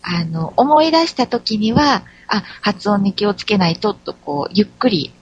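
A woman guest in a conversational interview, answering in a measured, careful way. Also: mid-range voice, sing-song, breathy edge, muffled recording.

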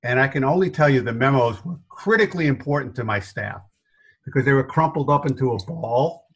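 A man's voice: mid-range voice, brisk, breathy edge. A middle-aged man from New York with a faded New York accent, telling stories as a podcast interview guest, laughing often and punching up his asides. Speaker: guest, business consultant.

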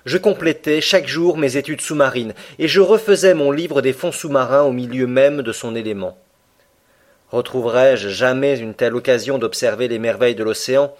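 Man narrating a classic adventure novel. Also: mid-range voice. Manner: steady first-person storytelling. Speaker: audiobook narrator. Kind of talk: scripted narration.

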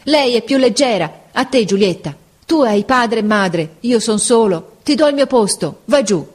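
A woman's voice: fairly high pitch, animated, moderate pace, darkish tone, husky, voice pushed up. A woman voicing a brave young boy who cries out with passion as he gives up his place. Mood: impassioned. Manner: impassioned, crying out.

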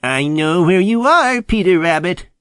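A man's voice: high-pitched, animated, unhurried, a bit bright, smooth, dry recording, clean studio sound, pitched above the performer's own voice. A man voicing a sly male skunk who calls out a mocking, vengeful warning. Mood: taunting.

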